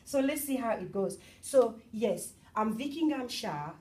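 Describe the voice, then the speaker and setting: A bubbly middle-aged woman from Cameroon giving a lively talk at an event and chatting with the audience. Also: fairly high pitch, measured pace, far from the mic. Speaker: motivational speaker.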